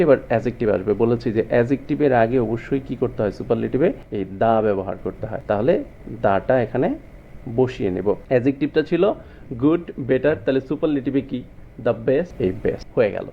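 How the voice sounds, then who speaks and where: Man teaching grammar, muffled recording. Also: a little high. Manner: addresses students with frequent rhetorical questions. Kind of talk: explanatory lesson.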